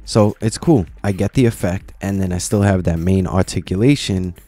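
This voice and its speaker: A man casually explaining software steps one at a time in a screen-recorded tutorial, with lots of "you know"s. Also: deep voice, normal speed, no echo, soft background music. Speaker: tutorial presenter.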